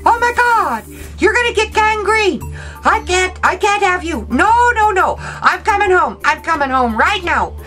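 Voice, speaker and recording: A woman imitating her panicking husband, putting on a frantic, desperate voice that fires off rapid questions. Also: very high voice, lively intonation, bright, forceful tone, faint music behind, pitched above the performer's own voice, full character voice. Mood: panicked. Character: frantic panicking husband, middle-aged man.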